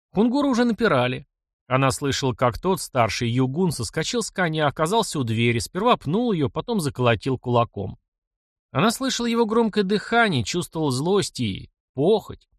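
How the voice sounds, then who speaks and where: Expressive male audiobook narrator. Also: on the high side, no echo, clean studio sound. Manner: expressive storytelling.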